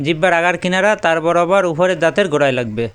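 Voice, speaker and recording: A man teaching Arabic letter pronunciation, explaining in Bengali and repeating each letter name slowly with drawn-out vowels. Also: on the high side, a bit bright, smooth. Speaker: Quran recitation teacher.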